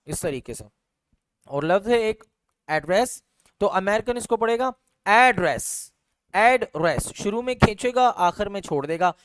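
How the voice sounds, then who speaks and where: High-voiced male teacher, smooth and dry. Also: dry recording. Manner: explains patiently, repeating example words and saying "theek hai" often; Urdu-flavoured Hindustani speech with English terms mixed in. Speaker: English language teacher. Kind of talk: online class lecture.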